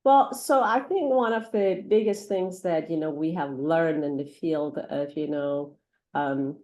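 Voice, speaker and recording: This middle-aged pediatric doctor, a woman raised in Iran and Africa for whom English is a second language, speaks in a low, darkish voice at a measured pace. She talks earnestly in an interview, with lots of fillers and restarts.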